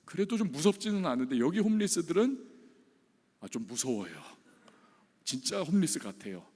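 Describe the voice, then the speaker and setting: A man's voice: a little high, normal speed, husky, big-room sound. A male pastor preaching a sermon in a church, telling stories animatedly and acting out the people in them. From South Korea. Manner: animated storytelling, acting out voices of people in the story. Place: church sanctuary.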